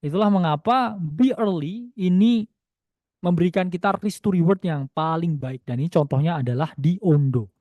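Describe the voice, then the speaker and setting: A man's voice: on the high side, normal speed, dry recording, highs cut off. A man presenting a trading webinar in a casual, chatty way, often adding "ya" and dropping in English phrases. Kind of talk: casual spoken webinar lesson.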